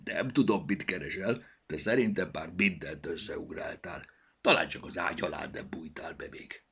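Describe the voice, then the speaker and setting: A man's voice: low voice, fairly bright tone, breathy edge, heavily acted. A man voicing a sick little male goblin with a cold, speaking with a blocked nose and grumbling. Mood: grumpy. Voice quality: stuffy blocked-nose speech. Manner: grumbling, tired. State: congested with a cold.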